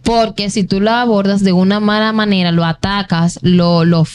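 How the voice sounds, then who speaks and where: A woman's voice: mid-range voice, steady tone, moderate pace, darkish tone, clean tone. A woman in mid-range casual podcast talk. She is earnest and reflective, and she often turns to speak straight to the listeners as she works through her point. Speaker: podcast co-host. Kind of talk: casual chat.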